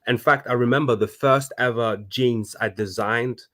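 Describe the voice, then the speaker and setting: This man's voice sits at medium pitch, fairly bright, with fairly even intonation at a moderate pace. A thirty-something fashion designer from the DRC, he's a guest in a casual, animated conversation full of restarts.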